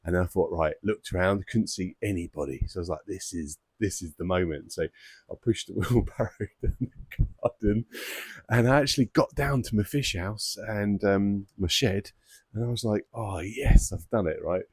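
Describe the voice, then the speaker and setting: A koi-keeping vlogger and adult father of two boys talks to camera in a deep, low, slightly rough voice at a moderate pace, as if telling his mates a story at his own expense. He's chatty and self-mocking, laughing along, and the close recording is dry with no room sound.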